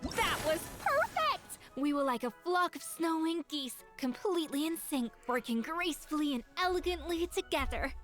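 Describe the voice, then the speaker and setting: A woman's voice: sits high, big pitch swings, moderate pace, hardly any pauses, fairly bright tone, soft background music. A woman voicing a proud, elegant and exacting young female chef in a video game, poised and theatrical. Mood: delighted.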